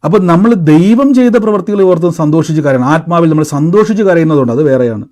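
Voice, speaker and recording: A man's voice: fairly high pitch, lively intonation, fast, darkish tone. Emphatic male preacher. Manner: emphatic, rising questions and call-and-response. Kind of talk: live-streamed sermon.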